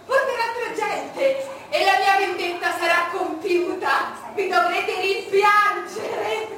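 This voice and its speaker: An actress playing an imperious, bitter, mocking English queen in a theatrical monologue, declaiming with drawn-out scorn. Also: very high-pitched, fairly bright tone, a little hiss or hum, heavily acted. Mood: mocking, vengeful. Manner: declamatory, drawn-out, scornful, swinging from brooding to cackling. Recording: echoey, distant stage recording with music.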